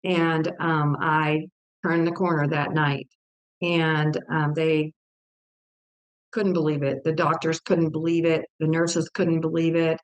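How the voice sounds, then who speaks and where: A woman's voice: low-pitched, little pitch movement, takes it slowly. An older woman from Texas shares a personal testimony as an interview guest. She tells it earnestly and with feeling, acting out the voices in her story with vivid quoted dialogue. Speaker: guest author.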